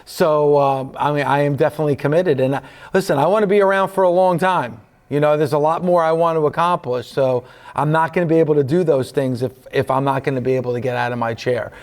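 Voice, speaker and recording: A man's voice: a little high, steady tone, quick pace, few pauses, a little mellow. A man in his fifties, a guest in a casual chat, earnest and often restarting his sentences. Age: 50s.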